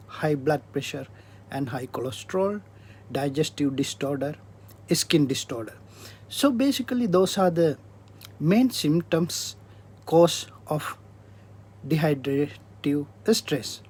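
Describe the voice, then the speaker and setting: A man from Sri Lanka, giving an earnest slide presentation and sales pitch, stressing key words. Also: darkish tone, slightly rough. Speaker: product distributor presenting.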